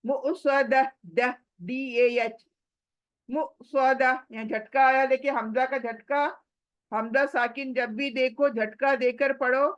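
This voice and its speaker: Slow, high-voiced woman tajweed teacher. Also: steady tone, dull audio. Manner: slow, drills words with repeated questions and answers; spells sounds letter by letter. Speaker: Quran recitation teacher. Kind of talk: online class lesson.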